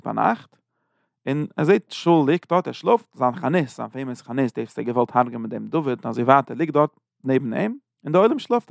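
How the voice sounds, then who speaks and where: A man giving an informal Bible lesson, retelling the story in loose, halting phrases. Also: medium pitch, gravelly, no echo, studio quality. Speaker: Bible teacher.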